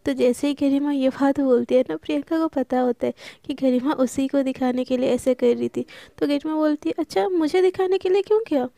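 A woman narrating a love story in a casual, chatty way, full of fillers and quick asides. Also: high voice, steady tone, creaky, warm tone, no echo, studio quality. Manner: chatty, uses fillers, voices characters' lines with small shifts.

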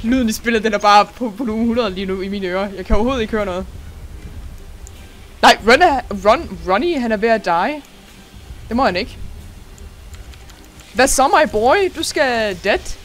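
A young adult host giving let's-play commentary over a game, excitable, laughing often and dropping English words into the talk. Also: mid-range voice, long pauses, soft background music. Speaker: gaming channel host.

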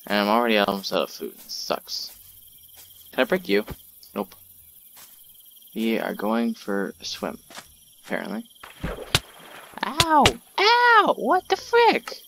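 A young man hosting a gaming channel, giving let's-play commentary in a jumpy, excitable way, yelping and trash-talking the monster. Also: on the low side, unhurried, creaky, pauses often, background noise. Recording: loud game sounds with crickets behind.

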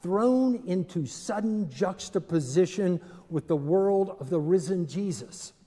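An older man preaching a sermon from a pulpit in a large stone church, measured and deliberate with dramatic pauses. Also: sits high, expressive, warm tone. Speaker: pastor. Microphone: pulpit microphone, far camera. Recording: long church reverb.

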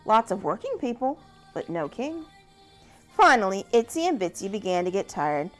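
A woman reading a picture storybook aloud to young church children, gentle and animated. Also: moderate pace, faint music behind. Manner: gentle, animated reading with lively pitch swings.

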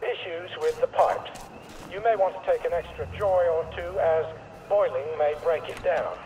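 An actor playing an official announcer giving formal, clipped notices over a factory loudspeaker. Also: male voice, on the high side, normal speed. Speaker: public address announcer. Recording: distant loudspeaker with noise.

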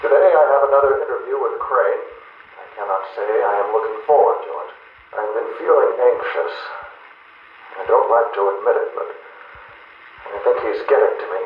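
A man's voice: mid-range voice, moderate pace, long pauses. An actor playing a strained male asylum doctor, heard as a cassette tape recording, dictating in a formal, clipped clinical way. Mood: uneasy. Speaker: psychiatrist. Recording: tinny, echoey tape with faint hiss.

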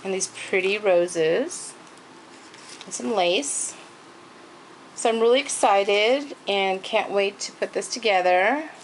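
A woman's voice: mid-range voice, expressive, slow pace, long pauses, a little hiss or hum, rough recording. A woman craft vlogger showing off gifts in a casual show-and-tell, gushing and thanking people over and over. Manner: gushing, repeats thanks and praise.

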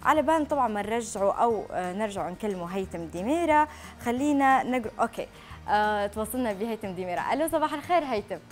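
A woman with a Libyan accent hosting a live morning talk show, speaking in a brisk and earnest way from a TV studio. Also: medium pitch, animated, soft background music.

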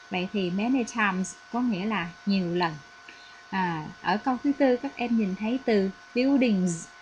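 A woman's voice: mid-range voice, dull audio, slight background noise. A woman from Vietnam, an English teacher, explaining a lesson patiently with frequent fillers. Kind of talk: recorded classroom lesson.

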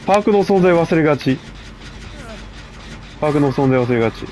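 A man with a gravelly voice, chatting casually and mocking himself as he comments on his own game play. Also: fairly high pitch, expressive, a little fast, darkish tone. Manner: chatty, self-mocking, frequent laughs. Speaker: gameplay commentator.

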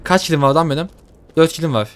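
A man with a somewhat high voice talks through a shooter match, excitable and quick to curse at the game. Faint gunfire and explosions sit behind him. His commentary is loose and casual. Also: slight background noise. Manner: excitable, swearing, joking at the game. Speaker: gaming YouTuber.

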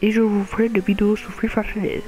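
A man's voice: high voice, little pitch movement, fast, a little mellow. A man giving casual commentary over a racing game, jokingly telling a friend off again and again. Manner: playfully scolds a laughing friend over and over. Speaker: gaming video host.

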